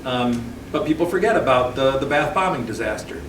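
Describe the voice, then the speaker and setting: A man's voice: medium pitch, animated, brisk. A middle-aged man giving an informal local history talk, rambling with many ums and restarts. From Michigan. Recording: echoey hall, distant mic, background noise.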